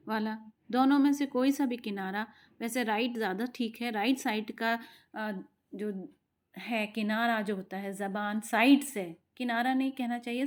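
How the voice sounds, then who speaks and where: A woman gives a spoken recitation lesson in a fairly high voice. She explains patiently and repeats herself step by step. She draws out each demonstration sound slowly. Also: a little mellow. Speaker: Quran recitation teacher.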